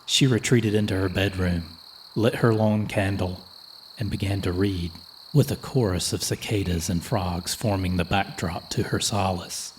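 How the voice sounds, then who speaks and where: A man reading a folklore horror story as a slow, measured, solemn scripted narration. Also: low-pitched, steady tone, a little hiss or hum. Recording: music playing under the voice.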